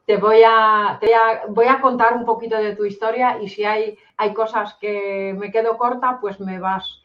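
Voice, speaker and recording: A woman in her forties with a Spain Spanish accent, hosting an interview and introducing her guest, talking haltingly with many fillers. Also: mid-range voice, fairly even intonation. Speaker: host. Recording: dull lo-fi sound.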